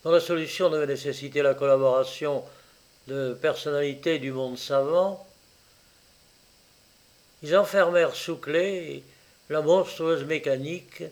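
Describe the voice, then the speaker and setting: Man reading a story aloud, slow unhurried pace, fairly high voice, deliberate delivery, small hesitations.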